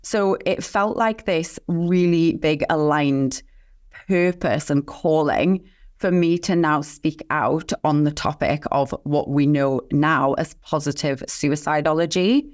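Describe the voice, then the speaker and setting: Slow and low-pitched, this woman speaks as an expert guest in a frank interview. She relates a personal story with earnest conviction, returning again and again to ideas of mission and calling.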